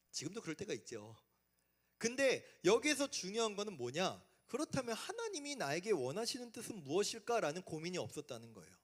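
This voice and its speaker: Animated high-voiced young male preacher. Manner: animated, asks the congregation rhetorical questions. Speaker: youth pastor. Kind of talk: sermon.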